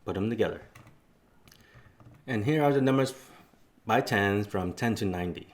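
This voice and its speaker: A man gives a casual language lesson in a fairly low voice. He walks through each step plainly and easygoing, with relaxed fillers between points. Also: normal speed. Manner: explains step by step, loose fillers. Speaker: language teacher.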